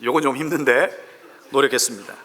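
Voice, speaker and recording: A male pastor from the Gyeongsang region, speaking with a Gyeongsang accent and delivering a lively, humorous sermon. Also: mid-range voice, fast talker, slightly rough. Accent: Gyeongsang Korean. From Gyeongsang region, Korea. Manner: lively, humorous, reads dialect verses aloud. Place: large church hall. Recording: long hall reverb.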